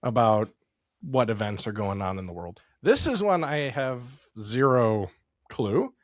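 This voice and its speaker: A man's voice: medium pitch, expressive, unhurried, no echo, clean studio sound. An American man co-hosting a casual podcast, rambling and correcting himself as he talks. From United States. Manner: rambling, self-correcting, chuckles often. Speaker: podcast co-host. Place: home setup in the San Francisco Bay Area.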